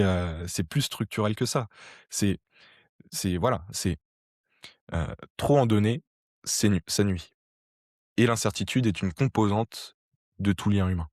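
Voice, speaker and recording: A man's voice: fairly low pitch, a little mellow, no room sound, clean studio sound. A man explaining sociology ideas to camera in a conversational way, with frequent fillers and restarts. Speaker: sociology educator.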